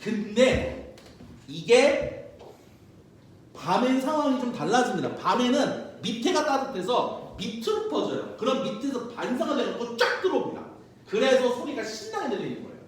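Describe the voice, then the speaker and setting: A young man teaching physics in a loud, joking, slangy way, his high voice swinging up and down as he tells stories. He sounds a fair way from the mic. The classroom rings with heavy echo. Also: big pitch swings, normal speed. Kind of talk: lecture. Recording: very echoey room, mic far off.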